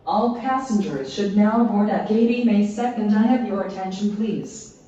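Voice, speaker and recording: An airport announcer giving a formal boarding call over a public address loudspeaker, heard echoing through a large terminal. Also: mid-range voice, moderate pace. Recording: echoey, distant, muffled loudspeaker in a terminal.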